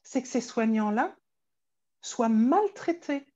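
A woman's voice: on the high side, animated, slow, dark tone, highs cut off. A woman therapist talking frankly and animatedly in a conversation, often repeating her first words. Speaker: therapist and stress coach, guest. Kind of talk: conversational interview talk.

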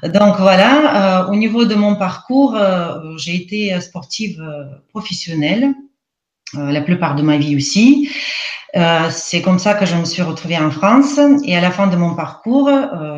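Russian woman guest, accented, halting, lo-fi roomy audio. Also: fairly low pitch. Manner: hesitant, many fillers. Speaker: guest, EFT practitioner. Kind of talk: casual live interview. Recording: roomy, dull lo-fi sound.

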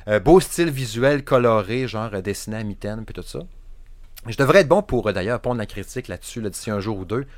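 A young man with a Saguenay Quebec French accent chatting casually about video games as a podcast co-host, animated and rambling, with plenty of restarts. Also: medium pitch, no echo. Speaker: podcast co-host, game reviewer. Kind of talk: casual chat.

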